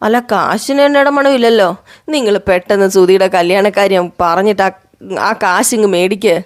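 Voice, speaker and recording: A woman's voice: mid-range voice, a little fast, lightly acted. A woman voicing a snobbish middle-aged woman who sneers at her surroundings and schemes for money. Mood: haughty.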